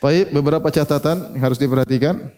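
A man's voice: a little high, fast talker, dark tone. A man giving a religious lecture, who keeps asking his listeners questions and answering them himself. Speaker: Islamic preacher.

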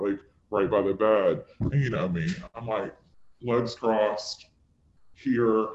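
A man's voice: on the low side, echoey room. Rambling young man telling a story. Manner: rambling, full of "like" fillers, dramatic retelling. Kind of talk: casual storytelling. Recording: dull lo-fi recording.

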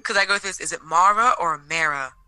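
A woman's voice: medium pitch, fairly even intonation, very fast, pushed and bright, dry recording. A woman co-hosting a podcast, chatting casually with wry, blunt asides about TV episodes. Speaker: podcast co-host. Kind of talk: casual chat recapping TV episodes.

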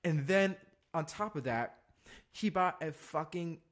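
A man's voice: a little high, a little slow. A young adult man co-hosting a podcast, telling a long story in a loose, profane way full of fillers. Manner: laid-back, profane, rambling with fillers. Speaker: podcast co-host. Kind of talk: casual storytelling chat.

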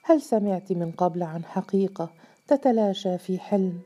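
A woman's voice: lowish voice, animated, moderate pace, dull audio. A woman reading the part of a lovesick young man, hesitant and troubled, in a storybook tale. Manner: hesitant, sharp at times.

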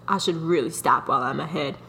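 A young woman with a somewhat low-pitched voice tells a dating story as a podcast co-host. She talks casually and animatedly, laughing often and poking fun at herself. A faint hum of ambience sits behind her. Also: gravelly, fairly bright tone.

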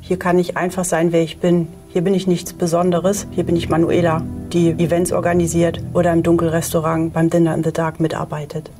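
A woman, a social worker, telling her story calmly in a promo video testimonial. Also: lowish voice, fairly quick, hardly any pauses. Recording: music bed under voice.

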